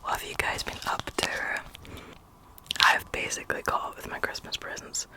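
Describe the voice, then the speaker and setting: A young woman whispering a rambling, chatty ASMR video as its host. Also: normal speed. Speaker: ASMR creator.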